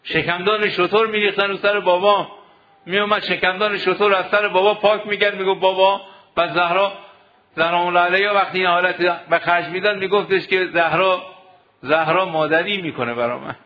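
A man whose voice sits high and steady delivers a sermon to seminary students. As a cleric teaching them, he exhorts his audience with rhetorical questions, captured in dull lo-fi sound.

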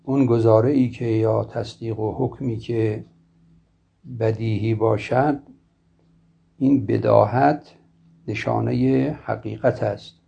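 A man giving a formal philosophy lecture in a slow, measured, scholarly way, often clearing his throat. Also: fairly low pitch, warm tone. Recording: dull lo-fi recording.

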